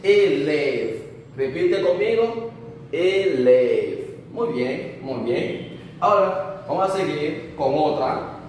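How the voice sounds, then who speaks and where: A man with a slightly high voice gives a slow, patient language lesson and repeats each word for the listener to echo. He sounds a good way from the microphone, in a very echoey room with a long reverb tail. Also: expressive, far from the mic, slight background noise. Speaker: language teacher.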